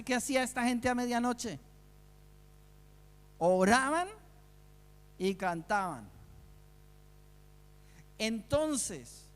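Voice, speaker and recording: A man's voice: very high voice, big-room sound. A man preaching a sermon, earnest, asking the listeners rhetorical questions.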